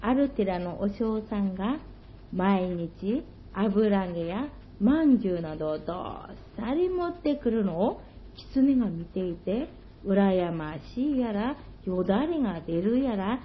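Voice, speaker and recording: A woman telling an old folktale slowly and gently, in old-fashioned storytelling phrasing. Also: mid-range voice, expressive, slight background noise. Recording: dull lo-fi recording.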